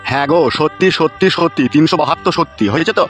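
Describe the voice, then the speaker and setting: A sly, bossy cartoon father voiced by a man rattles off his lines at breakneck speed. The voice is a bit high and brusque, with faint music running behind. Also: a bit bright, lightly acted. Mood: scheming. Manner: brusque, teasing, quick-talking. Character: scheming middle-aged father, sly and bossy. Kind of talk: cartoon comedy voice acting.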